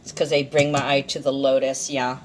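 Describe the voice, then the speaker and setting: Woman, low pitch, slightly impeded articulation, hesitant rambling card reader, casual, thinking aloud, faint noise and clicks behind. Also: little pitch movement, brisk. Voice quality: slightly impaired, funny-sounding articulation from a dental problem. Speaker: tarot and astrology card reader. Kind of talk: casual, rambling card reading with astrology commentary.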